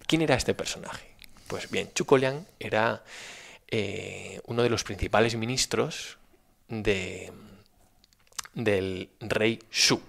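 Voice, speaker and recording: Gravelly low-voiced man telling a story. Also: slow, pauses often, fairly bright tone. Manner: conversational, repeats phrases for emphasis. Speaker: podcast host. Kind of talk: storytelling in casual talk.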